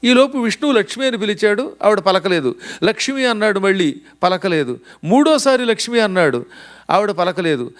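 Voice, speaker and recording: A man giving a religious discourse, telling sacred stories with animated dialogue and slowly chanted verses. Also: sits high. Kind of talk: storytelling sermon. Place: lecture venue in the US.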